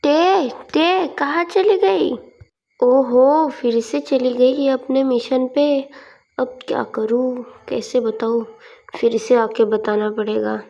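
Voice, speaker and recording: A woman's voice: on the high side, little pitch movement, slow, dark tone. A woman voicing an exasperated young female sidekick who frets about her missing friend. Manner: fretful, calling out.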